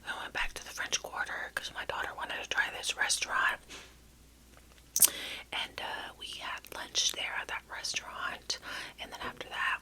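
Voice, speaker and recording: A woman speaks in a soft, bright whisper as she chews gum, in an ASMR ramble. She sounds middle-aged and close to the microphone, wandering through her story with pauses and trailing phrases. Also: poor audio. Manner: chewing gum while talking. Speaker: ASMR vlogger.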